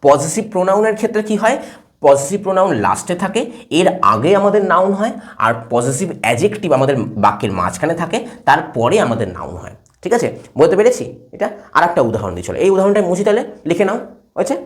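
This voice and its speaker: A man teaches English grammar, writing on a board as he goes. His pitch swings widely and brightly, and his delivery is animated. He keeps stopping to ask his class whether the point is clear. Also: brisk. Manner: lively, asks checking questions again and again. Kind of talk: classroom lesson at a whiteboard.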